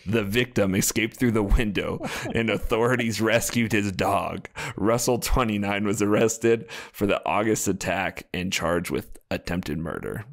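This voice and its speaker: Low gravelly male podcast host. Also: a little slow, hardly any pauses. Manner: jokey, laughs between sentences. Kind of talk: casual chat, reading news stories aloud.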